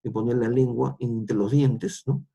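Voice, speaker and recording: A man's voice: medium pitch, fairly even intonation, a little slow, creaky, mellow, slightly rough. A middle-aged man with a Peruvian accent, lecturing students and tagging nearly every phrase with a question, with frequent restarts. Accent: Peruvian Spanish. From Peru.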